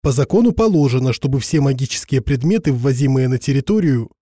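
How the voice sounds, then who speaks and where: Male reader voicing a stubborn customs officer, droning robot-like monotone, dark mellow tone, dry close read. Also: medium pitch, quick pace, dry recording, close to an everyday voice. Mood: mechanical. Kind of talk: audiobook narration with voiced characters.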